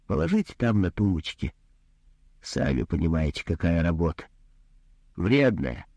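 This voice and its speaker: Man voicing a brusque, condescending doctor in a comic story reading, husky low voice. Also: very animated, moderate pace, dark tone, dry recording, exaggerated voice. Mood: gruff. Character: greedy gruff male doctor, rude and businesslike.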